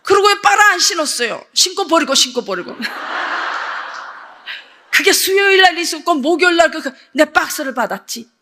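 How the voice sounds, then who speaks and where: An older woman missionary gives a lively sermon testimony, acting out voices as she tells her story. Her voice sits high and bright. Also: normal speed. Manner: animated storytelling, acts out dialogue.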